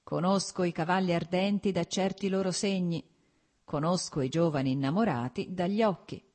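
A woman's voice: on the low side, moderate pace, darkish tone, lightly acted. A woman voicing a genial, worldly nobleman who talks in a jovial, teasing way.

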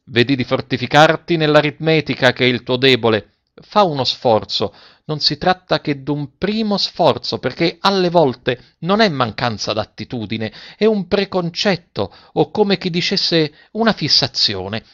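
A man voicing an ailing, affectionate old male schoolteacher who speaks gently and fatherly, in a storybook reading. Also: a little high, animated, measured pace. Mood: tender. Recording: dull dry lo-fi recording.

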